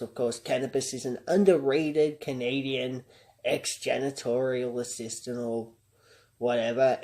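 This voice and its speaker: A man's voice: medium pitch, gravelly, darkish tone. A man hosting a reaction commentary, talking through song lyrics in a conversational, analytical way and chuckling often. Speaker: commentary channel host.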